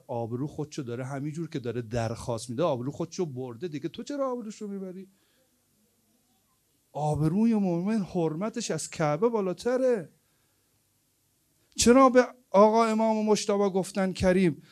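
High-voiced male preacher, emphatic storytelling. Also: expressive. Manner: emphatic, swings between loud stresses and hushed asides. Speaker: preacher at a religious gathering. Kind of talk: storytelling sermon. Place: evening mourning gathering.

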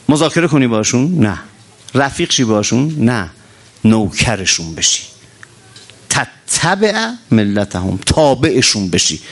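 A man preaching a religious sermon to a congregation, impassioned, rising and dropping sharply as he talks, chanting verses slowly. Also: a bit bright. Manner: impassioned, rises and drops sharply in pitch. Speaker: cleric.

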